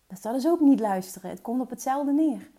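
A woman entrepreneur delivers an earnest motivational coaching talk in a high-pitched, animated, brisk voice with a dark tone. She mixes English phrases into her speech and sometimes drops to a whisper.

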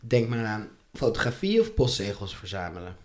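A woman's voice: very deep voice, big pitch swings, normal speed, darkish tone. A young woman co-hosting a podcast in casual chat, playful and teasing, arguing her side. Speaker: podcast co-host.

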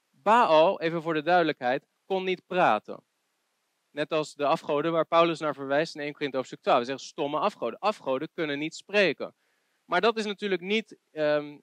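A man preaching a sermon, telling a Bible story in a lively way and rising to emphatic peaks. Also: on the high side, clean tone, dry recording.

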